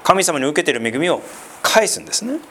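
Man preaching with a very lively, swooping pitch. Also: fairly quick, a little hiss or hum. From Sendai, northeastern Japan. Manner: chatty, with many asides and tag questions. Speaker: pastor. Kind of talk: conversational sermon.

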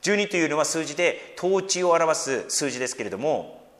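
Animated preaching man in a reverberant hall. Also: fairly high pitch, normal speed. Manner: animated preaching, raising his voice for quoted words; gentle joking asides. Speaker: pastor. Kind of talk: sermon.

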